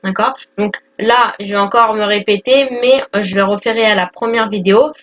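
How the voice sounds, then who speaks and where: A woman's voice: mid-range voice, moderate pace, highs cut off. A woman in her twenties giving a casual spoken lesson, explaining step by step with many fillers and check-ins. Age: 20s. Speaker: English teacher.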